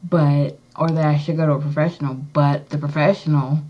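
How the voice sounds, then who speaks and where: A woman chatting casually in a rambling, halting, matter-of-fact way, talking with a slightly swollen tongue. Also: deep voice, steady tone, warm tone. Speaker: vlogger. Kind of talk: casual chat to camera, piercing update. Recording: dull, lo-fi recording.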